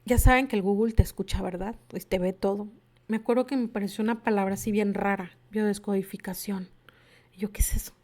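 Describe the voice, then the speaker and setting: A woman's voice: mid-range voice, steady tone, fairly quick, darkish tone. A woman, telling her personal story to an audience in a confessional manner and acting out remembered conversations. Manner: confessional, acts out remembered dialogue. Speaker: workshop speaker sharing her story.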